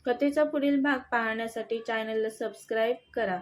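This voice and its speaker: A woman reading a romantic audio story as the narrator, in a steady, plain manner. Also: a little high, normal speed.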